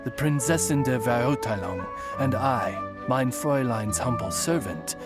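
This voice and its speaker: A man's voice: medium pitch, lively intonation, normal speed, natural voice. A man voicing a refined, courteous male raven familiar in a video game, speaking as a formal, deferential servant. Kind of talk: video game character acting. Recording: loud music under the voice.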